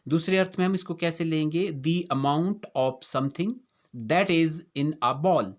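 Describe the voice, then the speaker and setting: A man with an Indian accent teaching English pronunciation in a lesson that mixes Hindi and English, asking rhetorical questions and repeating words to drill them. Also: on the high side. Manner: reads English definitions slowly and deliberately.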